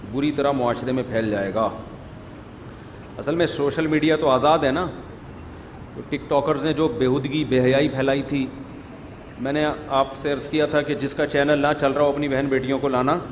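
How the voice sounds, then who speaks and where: A middle-aged man giving an informal religious talk to an audience, conversational and scolding, with many rhetorical questions. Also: mid-range voice. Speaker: religious scholar, preacher. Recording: long reverb, faint room noise.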